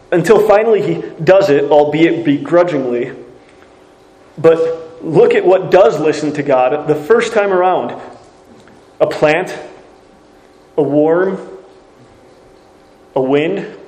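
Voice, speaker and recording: A man's voice: a little high, unhurried, pauses often, a little mellow. Man preaching a sermon, roomy sound. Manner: earnest, rhetorical questions, reads scripture aloud.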